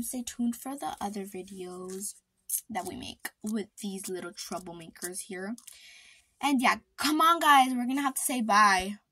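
A woman's voice: medium pitch, pushed and bright, breathy edge, no room sound. A woman chatting to camera, gossiping about her sisters in a dramatic, indignant way, full of "like", now and then dropping to a whisper for secrets. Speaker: vlogger.

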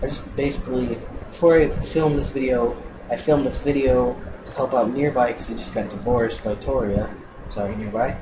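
A man's voice: mid-range voice, fairly even intonation, normal speed. A young man narrating his block-game footage in a casual, annoyed, rambling way, swearing as he talks. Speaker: gameplay narrator. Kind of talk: casual let's-play narration. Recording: noisy recording.

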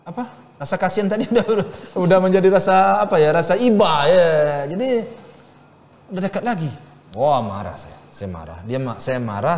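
A middle-aged man, a guest in a casual interview, telling his story in a halting way with many fillers and restarts. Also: mid-range voice, darkish tone, slight background noise. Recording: reverberant room with faint music.

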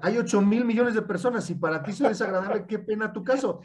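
An animated man with a Mexican accent talks through his ideas in a relaxed, explanatory way. His voice sits a little high for a man, and he keeps stringing points together. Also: fast talker. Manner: animated, repeats "y entonces". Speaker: guest speaker. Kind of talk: casual explanatory talk.

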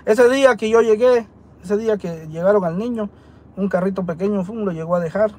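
A man's voice: high voice, fairly quick, darkish tone. A man from Guatemala with a Guatemalan Spanish accent, telling his side of a story to camera in an earnest, defensive way and often stopping to rephrase. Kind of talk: casual talk to camera. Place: dental clinic waiting area.

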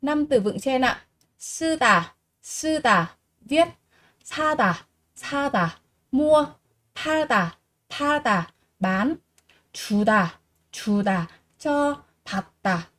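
A woman teaching a Korean vocabulary lesson in Vietnamese, reading each word slowly and repeating it before explaining. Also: high-pitched, lively intonation, fairly bright tone. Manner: slow, repeats each word three times and explains patiently.

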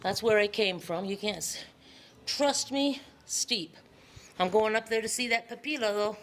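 A middle-aged woman talks a little slowly in a mid-range, fairly bright voice. She's vlogging to a phone or camera at arm's length, casual and emphatic, repeating words for effect. The footage is mostly outdoors in hilly town streets and partly indoors.

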